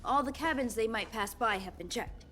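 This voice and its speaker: In scripted video game dialogue, an actress plays a busy, kind young woman working on a space station, speaking earnestly and politely with a flustered, apologetic mood. Her voice is a little high, expressive, and fairly bright, at a moderate pace, with slight background noise.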